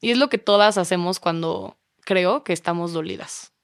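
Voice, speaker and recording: Mexican woman in her twenties, podcast guest, animated storyteller, smooth and resonant, close dry sound. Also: on the low side, moderate pace, no room sound. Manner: animated, acts out quoted dialogue. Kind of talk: casual storytelling chat.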